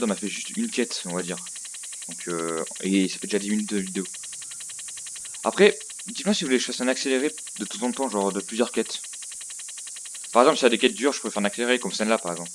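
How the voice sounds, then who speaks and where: A man with a fairly low voice gives casual let's play commentary. He rambles and hesitates, working out his thoughts as he goes. The headset mic is clearly noisy, with clicks coming through. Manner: rambling, hesitant, thinking aloud. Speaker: gaming video host. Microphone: headset microphone. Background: clear noise and clicking.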